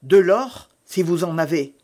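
A man's voice: sits high, animated, measured pace, a little mellow. A man reading aloud, voicing an earnest young man urging a prisoner to escape. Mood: urgent. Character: earnest young man, urgent rescuer, devout.

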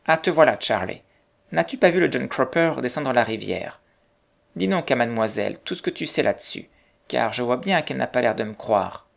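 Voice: mid-range voice, lively intonation, normal speed, creaky. A reader voicing a talkative, motherly landlady who rambles on in a gossiping way. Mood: calling. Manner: chatty, gossiping.

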